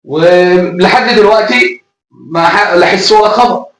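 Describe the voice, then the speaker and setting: An Egyptian man with a high voice holds forth in a comedy sketch, chatty and quick to scold. He speaks with an Egyptian accent. The sound echoes around the room. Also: fairly bright tone, distant mic. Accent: Egyptian Arabic. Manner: scolding, talkative.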